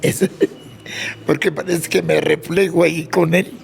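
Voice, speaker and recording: An older man telling childhood stories in a casual interview, jumping up in pitch when he quotes people. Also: slow pace, creaky, a little hiss or hum. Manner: animated anecdote teller, jumps high when quoting people. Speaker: interview guest, sonidero. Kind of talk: casual storytelling.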